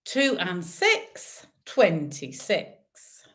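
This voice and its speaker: A woman working as a bingo caller, reading out numbers digit by digit with drawn-out pauses and chatty, informal asides to the players. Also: lowish voice, wildly swooping pitch, a bit bright.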